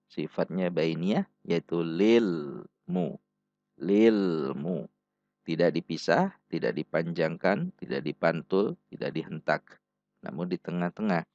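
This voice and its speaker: A man teaching Quran recitation rules, speaking slowly and deliberately and repeating each syllable for practice. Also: sits low, a little mellow, dry recording. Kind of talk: tajwid lesson with slow recited examples. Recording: dull dry lo-fi recording.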